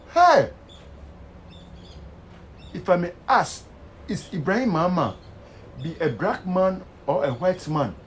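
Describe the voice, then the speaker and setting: A man's voice: high-pitched, rough recording. A man speaking in Ghanaian Pidgin English, giving a fervent social media rant. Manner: fervent, animated, preachy.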